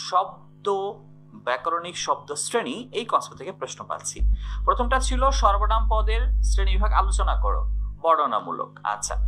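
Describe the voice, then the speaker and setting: A man's voice: sits high, bright, forceful tone. A man teaching an exam-prep grammar lesson in Bangladeshi Bengali, explaining step by step and answering his own questions.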